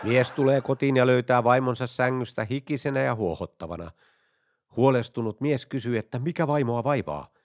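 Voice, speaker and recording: Deadpan man reading jokes. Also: medium pitch. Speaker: joke narrator. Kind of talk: scripted joke reading.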